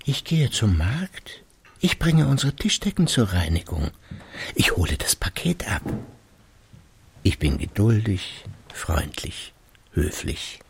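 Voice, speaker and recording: In a gravelly radio-drama style, an actor plays a secret-drinking retired husband in his sixties who broods through a halting, evasive monologue, frequently dropping almost to a whisper. The lowish voice is expressive and exaggerated, with a slight hiss or hum in the background. He sounds furtive and muttering throughout.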